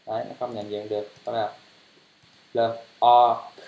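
A man teaching English pronunciation, spelling words letter by letter and repeating them louder. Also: on the low side, level tone, moderate pace. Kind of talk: pronunciation lesson. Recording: roomy, dull lo-fi sound.

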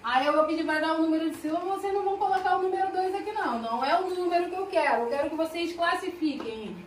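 A teacher explains a lesson in a high, light voice, stretching out key words and checking in often. She sits a little back from the mic, and the room gives her voice a noticeable echo. Faint background hum sits behind her. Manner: slow, drawn-out explanations with frequent "né?" and "ó". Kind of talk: recorded class lesson. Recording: echoey room, voice from a distance.

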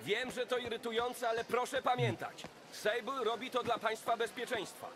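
A male security guard in a video game, firm but placating. His voice sits high, with clear noise around it. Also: steady tone, moderate pace. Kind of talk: dubbed video game acting. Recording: noisy ambience behind the voice.

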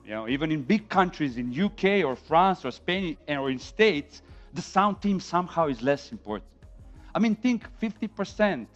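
A man in his thirties from Serbia gives a loose, forceful talk on film sound, standing on stage in a dim conference room and speaking with a Serbian accent. His voice leans high and keeps a normal speed, full of animation, emphasis, and rhetorical questions. It is captured in a dull, lo-fi recording of the event with music.

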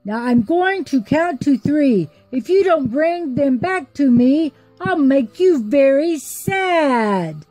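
A woman's voice: a little high, sing-song, takes it slowly, dark tone, no room sound, soft background music, exaggerated voice, low-quality recording. A woman voicing a brash, boastful young prince in a storybook who makes threats in rhyme. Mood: threatening.

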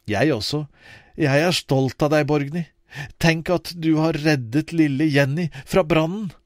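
A man's voice: fairly high pitch, no echo, studio quality, close to an everyday voice. A man voicing a worried, firm and caring mother in an audiobook, calling out urgently. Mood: proud.

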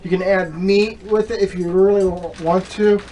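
A man's voice: high-pitched, steady tone, normal speed, dark tone, slight background noise, poor audio. A young man hosting a casual home cooking demonstration in a small kitchen, rambling with many fillers and restarts, recorded on the camera mic. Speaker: home cooking video host. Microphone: camera mic, filming himself at the stove.

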